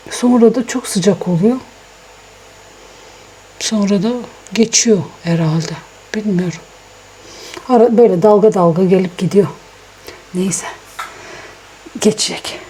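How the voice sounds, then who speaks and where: A woman chatting casually to her viewers at home in a daily vlog, ill with a swollen sore throat and talking softly. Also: medium pitch, slight background noise. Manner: chatty, rambling, talks softly. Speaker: vlogger. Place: at home, indoors. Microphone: small vlogging microphone.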